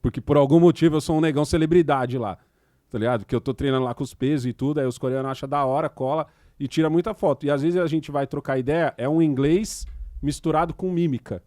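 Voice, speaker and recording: A man talks fast in a laid-back, slangy way, asking curious questions. His voice sits a little high. The recording is close and dry. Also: warm tone, no echo. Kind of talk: casual interview chat.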